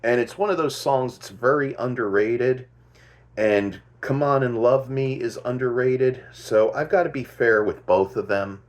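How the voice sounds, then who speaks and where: A man's voice: mid-range voice, unhurried. A man hosting a casual music commentary, thinking aloud and stopping to correct himself as he goes. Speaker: host.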